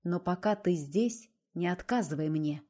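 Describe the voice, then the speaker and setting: A woman's voice: moderate pace, mellow, natural voice. A woman reading a cold, domineering man. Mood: coaxing, cold. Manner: low, coaxing and curt. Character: forceful domineering adult man, cold and insistent.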